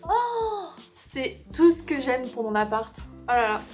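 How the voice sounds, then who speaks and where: A young woman from France vlogging in her apartment, chatty and expressive, talking to the camera while she works and grumbling at small setbacks. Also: on the high side, normal speed, soft background music. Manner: chatty and expressive, mutters and swears while doing chores. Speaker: lifestyle vlogger. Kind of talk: casual vlog chat. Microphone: camera mic.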